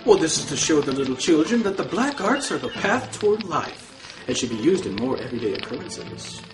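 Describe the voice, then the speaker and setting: A man's voice: fairly high pitch, very animated. A man playing a gleeful, scheming male devil who cackles and draws out his words. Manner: cackling, drawn-out sinister delivery. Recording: echoey room, music behind.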